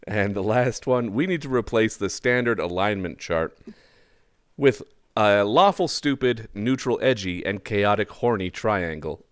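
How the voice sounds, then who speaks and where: A deep-voiced man hosting a casual trivia game over an online call, his tone rising and falling a lot as he reads prompts. He talks slowly in a laid-back drawl and laughs often. The sound is close and dry. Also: animated, clean tone, dry recording. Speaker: game show host.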